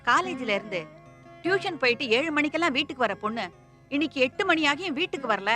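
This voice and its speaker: A woman's voice: high voice, expressive, fast talker, sharp tone, soft background music. An actress playing a fussy, talkative grandmother who scolds and bickers with her husband in a film. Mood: worried.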